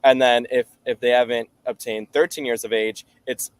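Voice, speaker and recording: A man's voice: mid-range voice, level tone, normal speed, clear, resonant tone, dry recording. Earnest nineteen-year-old man, dry sound. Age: late teens. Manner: earnest, explains at length. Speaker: guest. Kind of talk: casual interview answers.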